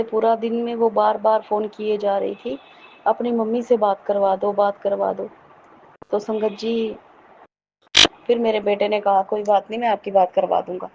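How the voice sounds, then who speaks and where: A middle-aged woman from Jammu earnestly telling a devotional testimony, often pausing to address her listeners respectfully. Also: mid-range voice, warm tone. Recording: dull lo-fi recording with faint noise.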